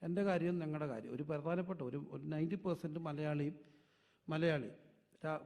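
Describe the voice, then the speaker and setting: A male pastor preaching a sermon, asking the congregation questions and answering them himself, dropping to soft asides and rising to loud emphatic peaks. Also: a little high. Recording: dull lo-fi sound with long hall reverb.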